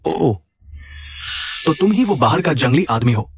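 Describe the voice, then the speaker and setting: A man's voice: a little high, animated, measured pace, over music. A man voicing a greedy, sneering bully in a dubbed drama, mocking and scornful.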